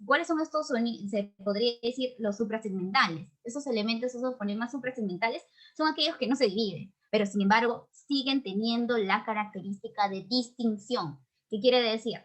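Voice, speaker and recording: A woman with a Peruvian accent teaching an online grammar lesson, explaining patiently and checking in often with quick tag questions. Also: a little high. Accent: Peruvian Spanish. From Peru.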